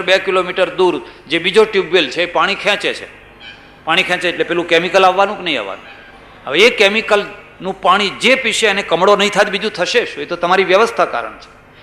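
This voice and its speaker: A man's voice: high voice, sharp tone. A man giving a religious discourse, telling stories and asking rhetorical questions. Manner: storytelling, rhetorical questions, acts out quoted people. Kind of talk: sermon. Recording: echoey room.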